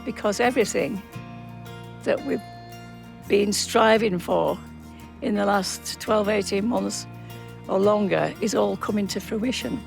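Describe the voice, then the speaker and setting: A woman in her seventies with a Cumbrian accent, talking casually to camera with halting pauses. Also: medium pitch, vocal fry. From Cumbria, England. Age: 70s. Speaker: animal rescue charity founder. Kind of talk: casual documentary interview. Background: music.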